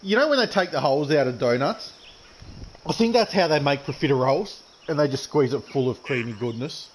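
A man's voice: a little high, expressive, a little fast, a little hiss or hum, low-quality recording. A man chatting casually and joking while streaming a golf game, often laughing. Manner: joking, laughs often, talks with his mouth full. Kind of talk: casual gaming chat.

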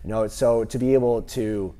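A man in his thirties, a gym owner, answering interview questions with animated stories and lots of fillers, on a lapel mic in a large gym. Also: mid-range voice, moderate pace. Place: large empty gym, indoors.

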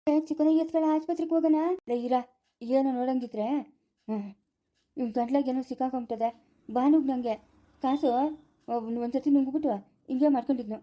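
A woman with a Chikkaballapura Kannada accent, loudly scolding in a rural family skit. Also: sits high, brisk, long pauses, muffled recording. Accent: Kannada, Chikkaballapura area. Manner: loud scolding village dialect.

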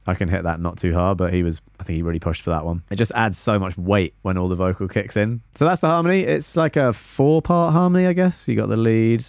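Fast and with few pauses, a young adult music producer explains a track from his small home studio, scatting melodies to get his ideas across. His fairly low voice carries vocal fry, his manner stays relaxed, and the boom-arm studio mic picks up no room sound.

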